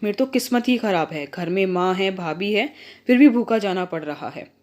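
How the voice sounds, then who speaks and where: A woman's voice: medium pitch, expressive, moderate pace, a little mellow, lightly acted. A woman voicing a petulant young college girl who whines and complains. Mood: complaining. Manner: whiny, pleading.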